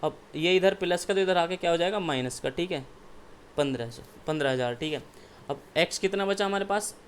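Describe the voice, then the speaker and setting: A man's voice: sits high, a little fast, slight background noise. A male maths teacher working through exam problems step by step, asking questions and answering them himself, with frequent "okay" check-ins. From India. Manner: keeps asking and answering his own questions, repeats "ठीक है".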